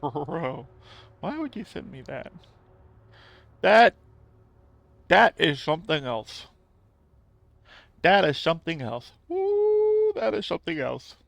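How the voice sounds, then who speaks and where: A man with a slightly high, gravelly voice chats loosely on his gaming stream, rambling and laughing between thoughts. The sound is dry and close, with no room around it. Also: big pitch swings, takes it slowly, pauses often, a bit bright, dry recording. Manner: rambling, laughs often, talks to chat viewers. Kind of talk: casual live-stream chat while gaming.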